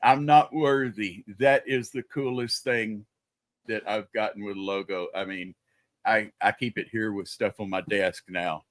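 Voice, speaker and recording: A man's voice: on the low side, fairly even intonation, normal speed, fairly bright tone, no echo. An older man, a grandfather, chatting casually and telling stories on a livestream. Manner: chatty storyteller. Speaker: livestream panelist. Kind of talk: casual chat.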